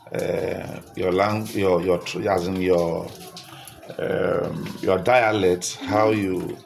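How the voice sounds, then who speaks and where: A man's voice: fairly low pitch, vocal fry, a little hiss or hum. A Nigerian man talking straight to his viewers in a casual vlog, repeating himself and coaxing them to comment. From Delta State, Nigeria. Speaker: social media creator. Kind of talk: casual direct-to-camera vlog.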